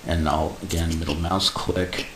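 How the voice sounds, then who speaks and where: A man explaining animation software step by step in a casual tutorial, adding little sound effects like "boom". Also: steady tone, unhurried. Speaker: animation instructor. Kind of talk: screen-recorded software tutorial. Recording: echoey room with faint hiss.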